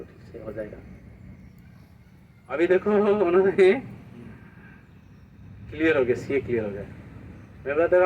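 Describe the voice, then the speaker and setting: Distant male preacher telling devotional anecdotes. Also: medium pitch. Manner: storytelling, quoting dialogue, rhetorical questions. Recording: distant mic, dull sound, faint street noise.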